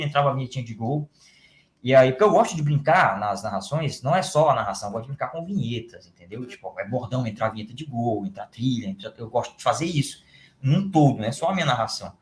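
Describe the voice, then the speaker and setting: Young male sports announcer, expressive storyteller, roomy podcast room. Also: medium pitch. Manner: animated, acts out his goal calls. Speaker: football radio announcer guest. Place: podcast studio. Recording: roomy studio echo.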